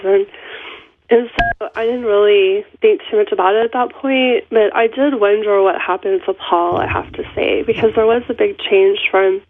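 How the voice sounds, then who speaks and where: A middle-aged woman from the Seattle area, an author, phones in to a radio interview as a guest caller, her mid-range voice congested from a cold and carrying a little hiss or hum. She's chatty and laughs between thoughts, heard over a tinny, dry telephone line.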